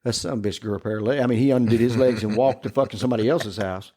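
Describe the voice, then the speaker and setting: A man's voice: medium pitch, rapid-fire, dark tone. A man telling a ghost story in casual chat, rambling and cursing, laughing as he goes. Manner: rambling, profane, laughing through his story.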